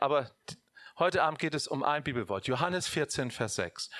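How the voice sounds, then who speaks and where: A man preaching a sermon, addressing his audience directly in a lively way. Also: a little high, no room sound, clean studio sound.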